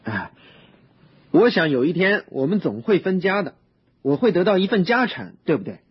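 An actor playing a reckless, spoiled young son in a radio drama, eager and boastful, pleading and giggling. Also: male voice, high voice, sing-song, moderate pace, husky, lo-fi sound, exaggerated voice. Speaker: prodigal son.

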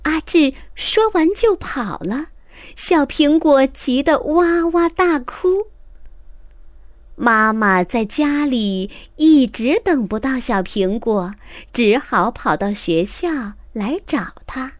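A woman reading a children's story aloud in a high, bright voice. She takes her time, with clear, expressive narration. The sound is dry and close, with no room echo. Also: slow pace.

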